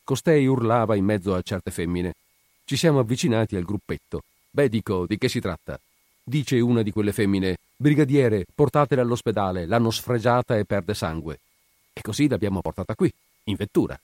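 A man's voice: on the low side, expressive, brisk, a little mellow, no echo, lightly acted. A man voicing a dutiful, plain-spoken police sergeant reporting in a respectful manner.

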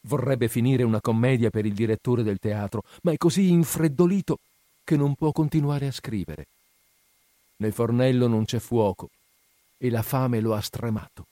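A man voicing a generous, sorrowful male statue prince in a storybook reading, speaking softly and imploringly. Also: medium pitch, moderate pace, dry recording, studio quality, lightly acted.

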